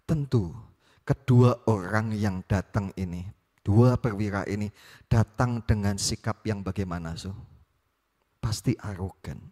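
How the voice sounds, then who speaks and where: A man's voice: lowish voice, darkish tone. A male preacher, reading scripture and teaching with frequent questions to his listeners. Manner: questioning, repeats "ya" often. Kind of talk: Bible reading and sermon. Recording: echoey hall.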